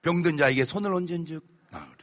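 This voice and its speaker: A male pastor preaching a sermon, firing rhetorical questions at the congregation and bursting into shouts. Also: fairly high pitch, quick pace. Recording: long church hall reverb.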